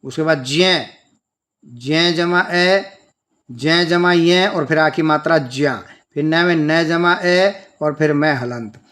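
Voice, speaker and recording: A man's voice: a little high, unhurried, fairly bright tone. A man teaching a children's language lesson, patiently breaking words into sounds and spelling them out step by step.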